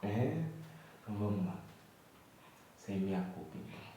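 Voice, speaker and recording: Soft-spoken young father, roomy and distant. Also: deep voice, sing-song, normal speed, a little hiss or hum. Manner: gentle, coaxing, moralizing. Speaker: vlogger and father. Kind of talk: talking softly to his baby son on camera. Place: home, at night. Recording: echoey room, voice from off-mic.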